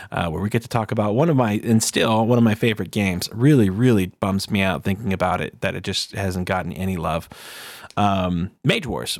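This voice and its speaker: A man with a fairly low voice chats as a solo podcast host, earnest and conversational. The sound is dry and close, with little room around him. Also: dry recording. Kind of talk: casual solo podcast chat.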